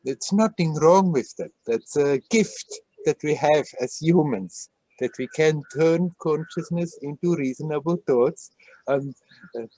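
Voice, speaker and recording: A man speaks over a video call in a fairly high voice. He guides listeners gently and laughs often, and he likes to repeat words playfully. The sound is close and dry. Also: unhurried, dry recording, rough recording. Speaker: spiritual teacher. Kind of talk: satsang talk on a video call.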